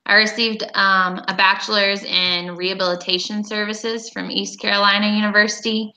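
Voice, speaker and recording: A woman in her twenties introducing herself as a student in an unhurried, plain way on a video call. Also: medium pitch, flat delivery, pushed and bright, low-quality recording. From United States. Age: 20s. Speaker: student presenter. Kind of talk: self-introduction.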